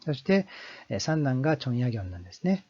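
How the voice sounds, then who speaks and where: A man hosting a history channel, explaining in a halting lecture style full of drawn-out fillers. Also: mid-range voice, big pitch swings, mellow, breathy edge. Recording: dull lo-fi sound.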